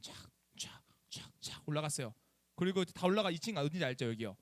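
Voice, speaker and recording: Here a young man in the role of youth pastor speaks to teenagers in a fairly high voice at a fast clip. His lively sermon centers on a personal story told chattily and with animation, broken up by questions to the students. No room sound is audible.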